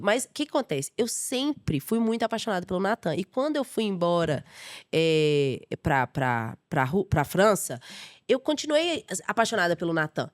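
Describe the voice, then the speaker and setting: Expressive young Brazilian woman storyteller. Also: medium pitch. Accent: Brazilian Portuguese. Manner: lively, emotional storyteller, laughs often. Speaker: guest chef. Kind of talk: casual podcast interview storytelling.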